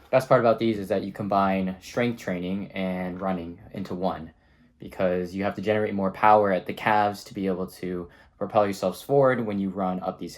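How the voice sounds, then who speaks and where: A young man, a student vlogger, talking casually and informally about his training, upbeat and explaining as he goes. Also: low-pitched. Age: young adult.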